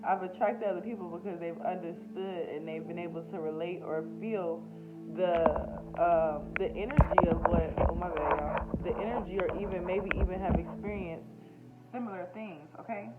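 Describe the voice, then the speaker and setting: Over loud background music and thin, tinny audio, an American woman speaks at a normal pace in a fairly low, steady voice. She's a spiritual healer who hosts on YouTube, and this is an unscripted personal vlog where she's raw, emotional, slangy and swears a lot.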